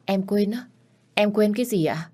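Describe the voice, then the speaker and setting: Spoiled rich girl, startled and shrill, woman reading her. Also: normal speed, a little mellow, natural voice. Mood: surprised.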